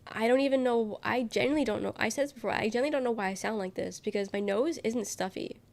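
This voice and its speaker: A young woman livestreamer, sick and congested, chats casually with viewers and rambles as she reads chat aloud, her voice nasal and worn. It's fairly high-pitched, gravelly and a little mellow, and she talks at a quick pace.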